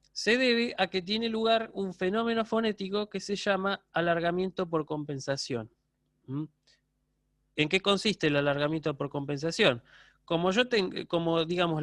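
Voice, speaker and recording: A man with an Argentine Spanish accent teaches a university class online, laying out each point patiently and often pausing to check in with "¿sí?". His voice sits a bit high. The recording is close and dry. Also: a bit bright, no room sound. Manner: explanatory, checks in with frequent "¿sí?". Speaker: university lecturer. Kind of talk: online lecture.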